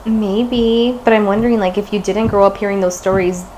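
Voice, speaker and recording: A young woman chatting casually as a podcast co-host, her voice at an ordinary middle pitch. She tells memories in a giggly, animated way. Faint hiss sits under the voice. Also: moderate pace, rough recording. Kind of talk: casual chat.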